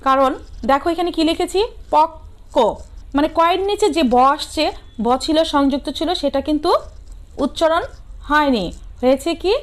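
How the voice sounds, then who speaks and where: A middle-aged woman teacher with a Bangladeshi Bengali accent, giving a grammar lesson, asking questions and answering them herself and sounding out words slowly and carefully. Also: sits high. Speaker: school teacher.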